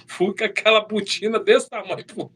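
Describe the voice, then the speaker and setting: Very high-pitched animated missionary. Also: male voice, normal speed. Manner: animated, addresses listeners as brother. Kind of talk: testimony storytelling in preaching.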